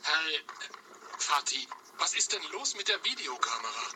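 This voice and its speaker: An actor playing a clumsy grown-up son on a family trip, whiny and defensive. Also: male voice, on the high side, big pitch swings, normal speed, bright, forceful tone, a little hiss or hum, exaggerated voice, low-quality recording. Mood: puzzled.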